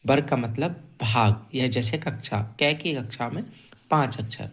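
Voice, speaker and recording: Man slowly drilling Sanskrit sounds. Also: mid-range voice, husky. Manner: slow, drilling sounds one by one, repeating syllables. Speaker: Sanskrit teacher. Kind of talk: classroom grammar lesson.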